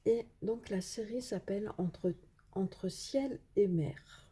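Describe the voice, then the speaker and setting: A woman talks casually through an unboxing of craft supplies, pausing often with little fillers. Her voice is soft and breathy, in an even middle register. She keeps heaping praise on each piece she shows. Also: medium pitch. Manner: hesitant, many fillers, enthusiastic praise. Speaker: craft vlogger.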